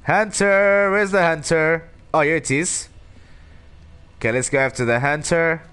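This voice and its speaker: A man's voice: fairly high pitch, fairly even intonation, measured pace, fairly bright tone. A man giving casual, chatty gameplay commentary as a streamer, with a playful manner. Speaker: game streamer. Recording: clear background game noise. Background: game ambience.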